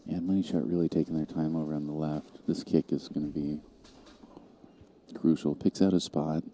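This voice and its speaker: Low dark-voiced male pool commentator. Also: normal speed, slight background noise. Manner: calm, analytical shot-by-shot calls. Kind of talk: live sports commentary.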